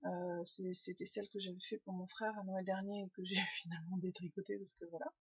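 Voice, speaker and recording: A woman's voice: fairly low pitch, level tone, a little fast, husky, no room sound, dull audio. A woman hosting a knitting podcast, chatting casually to her webcam at home, rambling with lots of fillers and restarts. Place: home room.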